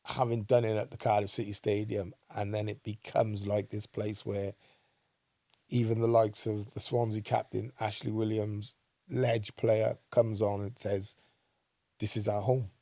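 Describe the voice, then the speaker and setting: Ex-player co-host, gravelly low-ish voice, keeps saying right?, dry sound. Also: male voice, little pitch movement, measured pace, warm tone, dry recording. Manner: emphatic, asks "right?" often. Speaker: co-host, former footballer. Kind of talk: casual football chat.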